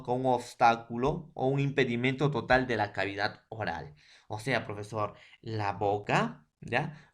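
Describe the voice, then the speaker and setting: A man teaching a recorded school lesson in a Peruvian Spanish accent, his voice sitting at an ordinary middle pitch. He walks through each point step by step, constantly dropping in habitual filler words as he goes. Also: a bit bright. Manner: repeats "profesor" and "jóvenes" as fillers, explains step by step.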